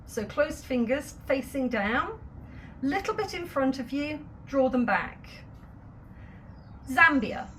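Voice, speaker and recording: A woman gives a patient, step-by-step sign language lesson, pausing to add small asides. Her pace is slow and deliberate. A faint hiss of noise sits under the recording. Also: high-pitched, expressive, a bit bright. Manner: patient, step-by-step explanations with light laughs. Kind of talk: instructional video lesson.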